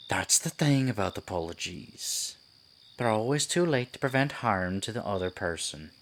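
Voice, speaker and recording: Man voicing a low, sinister, silky Pied Piper. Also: fairly bright tone, a little hiss or hum, exaggerated voice. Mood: smug, menacing. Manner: theatrical, coaxing, condescending, deliberate. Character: sinister Pied Piper, silky, theatrical storyteller luring a victim. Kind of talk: ASMR roleplay, dramatic storytelling. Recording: night insects and forest ambience behind. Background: crickets, night forest ambience.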